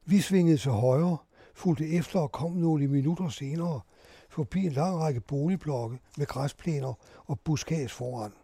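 A man calmly narrating a first-person eyewitness account in a measured storytelling manner. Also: a little high, gravelly, breathy edge, dry recording.

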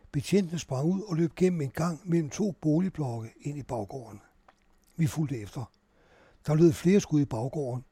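A man calmly narrating a first-person eyewitness account in a measured storytelling manner. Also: fairly high pitch, husky, no echo.

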